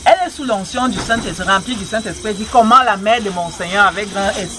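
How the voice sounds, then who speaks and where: A woman's voice: mid-range voice, expressive, quick pace. A woman argues her side in a heated religious debate, defensive and pressing again and again to explain herself. Her voice sits in an ordinary middle range, and noticeable noise runs under the recording. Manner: defensive, keeps trying to explain. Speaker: debate participant. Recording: noisy background.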